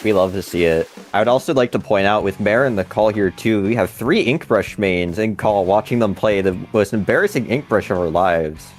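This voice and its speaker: A man's voice: fairly low pitch, lively intonation, a little fast, few pauses, faint music behind. A young man giving color commentary on a video game match, dry and teasing. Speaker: esports co-caster.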